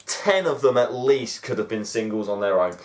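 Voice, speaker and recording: A man's voice: on the low side, lively intonation, normal speed. A man co-hosting a casual chat show, enthusiastic, singing along and laughing often. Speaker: co-host. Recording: echoey room.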